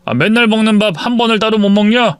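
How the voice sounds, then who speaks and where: A man's voice: sits high, fast, smooth, no echo, voice pushed up, lightly acted. A man voicing a pushy young male lover in a story reading, teasing and insistent.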